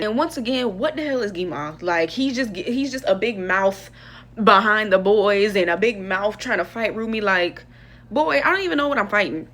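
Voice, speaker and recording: A young woman talks through a movie review in a loose, slangy vlog style. She is expressive and chatty, and her voice jumps up and down as she gets into it. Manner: chatty, expressive, slangy, lively pitch swings.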